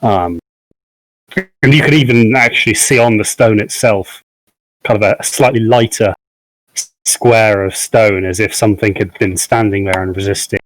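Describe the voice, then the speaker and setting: A man narrating as game master of a tabletop game, pausing often with ums and hedging words. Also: on the low side, fairly even intonation, dry recording, rough recording. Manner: hesitant, many ums and "kind of".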